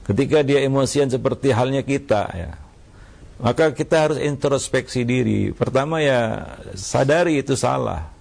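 A man, an Islamic preacher giving calm religious advice on parenting, unhurried and dotting his talk with "ya". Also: mid-range voice, gravelly. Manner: calm, unhurried, frequent "ya" tags. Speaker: Islamic preacher answering questions.

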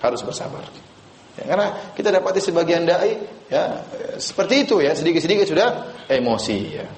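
A man's voice: fairly high pitch, sing-song, a little fast, darkish tone. A man preaching a religious lecture to a live audience, casual and joking, quizzing the listeners. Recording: echoey room.

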